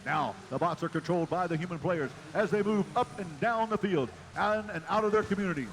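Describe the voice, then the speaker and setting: A man giving live play-by-play commentary at a robotics competition, energetic and building to shouts at the close. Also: high-pitched, a little fast, a little hiss or hum. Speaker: match announcer.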